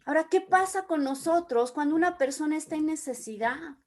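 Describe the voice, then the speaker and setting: High-voiced woman teaching the Bible. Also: fairly quick. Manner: reads scripture aloud, then explains with everyday examples.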